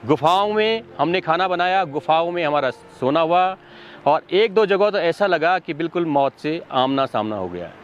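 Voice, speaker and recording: A high-voiced man vlogs on a mountain trek, outdoors on a high ridge, guiding viewers and pointing things out along the way. He sounds animated at a normal speed, though the recording is muffled with faint music behind him.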